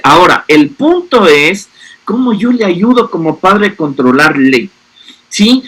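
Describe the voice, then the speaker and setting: A man's voice: high voice, fairly bright tone. A man, explaining parenting to an audience and often checking in with rhetorical questions. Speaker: speaker on a parenting panel.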